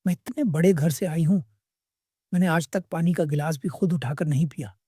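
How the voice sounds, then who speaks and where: A man's voice: a little high, moderate pace, warm tone, breathy edge, no echo, studio quality. A man voicing a spoiled, scornful young daughter-in-law who talks in a cold, mocking way.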